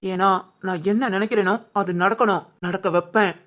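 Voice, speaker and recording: A woman voicing a scheming, vengeful masked young man in a cartoon. He talks in a low, brooding inner monologue. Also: fast, heavy background noise, close to an everyday voice. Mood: menacing. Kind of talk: cartoon voice acting.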